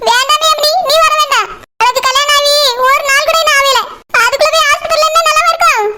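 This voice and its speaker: A woman's voice: very high voice, steady tone, fast. A woman voicing a fretful, superstitious village mother with a Kanyakumari Tamil accent, wailing and pleading. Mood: fretting. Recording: loud background noise.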